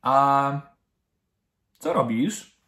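A man voicing a spirited little girl in a children's storybook, excited and insistent. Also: medium pitch, very slow, full character voice. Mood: eager. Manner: excited, urgent, raised voice.

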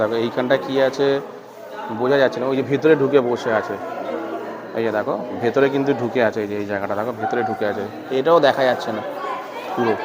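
Fast-talking man guiding a zoo walk. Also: medium pitch. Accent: Bengali. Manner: points things out constantly, repeats "look here". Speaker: vlogger touring a zoo. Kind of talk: casual walking-tour commentary. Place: outdoors at a busy zoo. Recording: crowd noise outdoors. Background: crowd and animal sounds.

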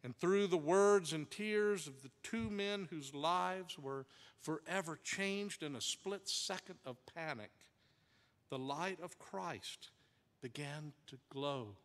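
A male pastor telling a story in a sermon, dramatic, with hushed drops and shifting pace. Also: on the high side, takes it slowly, in a large hall. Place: church sanctuary.

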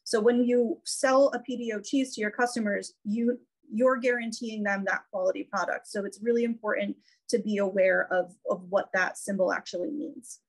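A woman's voice: medium pitch, fairly even intonation, normal speed, poor audio. A woman giving an informal, educational slide presentation over a video call. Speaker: cheese educator presenting a webinar. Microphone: video call microphone.

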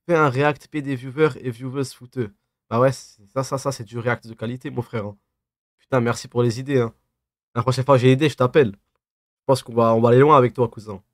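A man's voice: medium pitch, steady tone, a little fast, no room sound, studio quality. A man in his twenties with a lisp on his s sounds, chatting casually and teasingly as he reads and answers livestream comments in slangy banter. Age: 20s. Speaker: live streamer. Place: small dim room at a desk.

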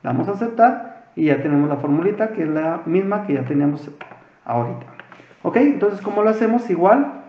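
High-voiced Mexican teacher explaining patiently. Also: male voice, lively intonation, brisk, reverberant, muffled recording. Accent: Mexican Spanish. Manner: patient, explanatory, asks rhetorical questions. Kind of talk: screen-recorded spreadsheet tutorial.

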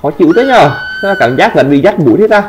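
Excitable man trash-talking through game commentary. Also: on the high side, a little fast. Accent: Vietnamese. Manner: trash-talking, taunting, sudden excited shouts. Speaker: gameplay streamer.

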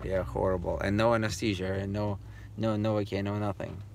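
A man's voice: lowish voice, flat delivery, a little fast. A man in his thirties chatting casually and teasingly, filming himself on a phone in a minivan. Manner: teasing, jokey. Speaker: father vlogging with family. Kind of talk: casual joking family chat. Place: inside a moving minivan. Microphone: phone at arm's length. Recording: loud car and road noise.

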